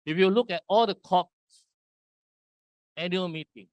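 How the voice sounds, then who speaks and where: A man from Singapore giving a conference presentation, walking through slides in slow, deliberate short phrases. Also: high voice, clear, resonant tone, dry recording. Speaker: conference speaker. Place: conference hall.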